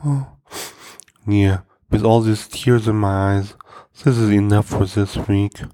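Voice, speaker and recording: A man hosting a comedy podcast, telling self-deprecating stories and jokes in a dry, deadpan delivery. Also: fairly low pitch, measured pace, clear, resonant tone. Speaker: podcast host.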